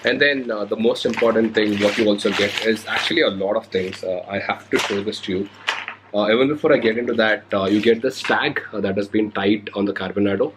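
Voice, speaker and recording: A young motovlogger with an Indian English accent talks casually through an unboxing, his lowish voice a bit worn as he recovers from a cold. He pauses often with hesitant fillers, and a faint hiss sits under the handheld recorder or camera mic.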